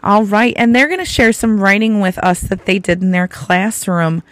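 A woman with a raspy, gravelly voice, hoarse from laryngitis, hosting a podcast and gently prompting young guests with simple, encouraging questions. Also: mid-range voice, normal speed, dry recording. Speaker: podcast host, school teacher or librarian. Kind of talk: friendly podcast interview with children.

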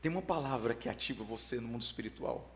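Preacher, man, 40s, mid-pitched; emphatic sermon delivery with big loud-to-soft swings. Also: fast. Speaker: pastor.

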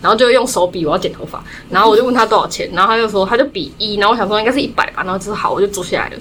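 A young woman from Taiwan chatting casually, telling stories in quick run-on clauses. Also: medium pitch, a bit bright, a little hiss or hum. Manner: rapid storytelling, strings clauses with "然后". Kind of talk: casual chat.

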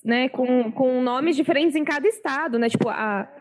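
A woman's voice: high-pitched, moderate pace. A woman with a Brazilian Portuguese accent co-hosting a podcast, chatty and matter-of-fact. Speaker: podcast co-host. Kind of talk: casual chat.

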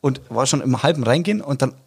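A man's voice: medium pitch, animated, fast talker, creaky, a little mellow, husky. A young man telling a funny story in casual chat among friends, laughing often and restarting his sentences.

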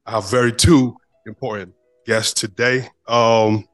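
A man's voice: medium pitch, level tone, unhurried, no room sound, faint music behind. A man hosting a casual interview podcast, talking loosely with many fillers; he came to the United States as an immigrant. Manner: rambling, many fillers like "you know what I mean". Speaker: podcast host.

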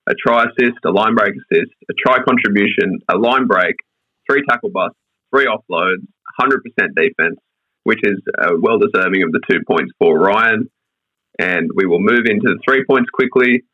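A man's voice: lowish voice, normal speed, dry recording, phone-quality sound. An Australian man hosting a casual sports discussion, running through stats in a matey, slangy way. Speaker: rugby league podcast host.

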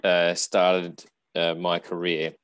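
A very low-voiced man hosts a relaxed podcast chat. He talks things through at length and in a thoughtful way. The sound is close and dry, with no room around it. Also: slow, clear, resonant tone, no room sound. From Australia. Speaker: podcast host. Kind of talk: casual podcast conversation.

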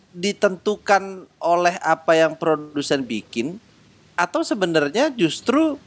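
A man hosting a casual podcast, joking and swearing as he asks questions. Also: fairly high pitch. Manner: joking, swears, bursts into laughter. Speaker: podcast host.

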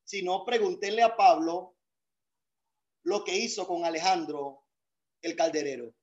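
High-pitched guy pastor preaching hard on a video call, gets shouty. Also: a little slow, highs cut off. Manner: emphatic preaching that swells into shouts. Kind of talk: sermon.

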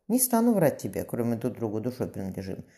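Cruel commanding young tsar, read by a man, brisk, dark timbre. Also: mid-range voice, huge pitch swings. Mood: tender.

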